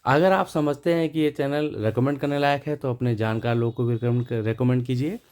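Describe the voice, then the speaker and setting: A man's voice: medium pitch, steady tone, brisk, darkish tone. A man teaching English vocabulary, repeating each word before giving its meaning and synonyms. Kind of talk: explaining words and synonyms to viewers.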